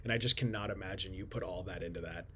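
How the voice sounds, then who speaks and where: A young man hosting a casual podcast chat from a shared office, keeping to a hushed indoor voice and rambling with plenty of fillers. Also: deep voice, quick pace, slight background noise. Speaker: podcast host.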